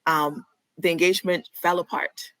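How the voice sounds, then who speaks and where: A woman from Barbados speaks as a physician guest on a podcast. Her voice is lowish but bright, and she explains things clearly and candidly. The recording is dry and close. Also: fairly even intonation, moderate pace, no echo, poor audio. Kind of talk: conversational podcast interview.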